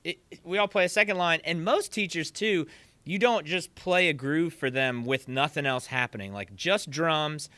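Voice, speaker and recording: A man guest on a podcast telling animated stories and acting out what others said. His voice is bright, smooth and slightly high. It sits close and dry on the mic. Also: moderate pace, no room sound. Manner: animated, acts out quotes. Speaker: podcast guest, percussion teacher. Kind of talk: casual interview storytelling.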